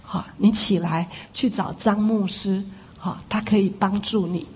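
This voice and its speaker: A woman preacher voicing Jesus as a gentle, fatherly figure, speaking softly and slowly. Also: mid-range voice, fairly even intonation, lo-fi sound, a little hiss or hum, pitched below the performer's own voice, natural voice. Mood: tender. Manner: soft, slow and tender. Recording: long reverb in a big hall.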